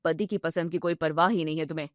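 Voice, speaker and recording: A sulky, whiny young husband with a low voice, played by a woman storyteller. He grumbles about his food and frets over his mother. The sound is dry and close. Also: fairly even intonation, fast, no echo, close to an everyday voice. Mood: grumbling. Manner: whiny, complaining. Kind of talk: storybook narration.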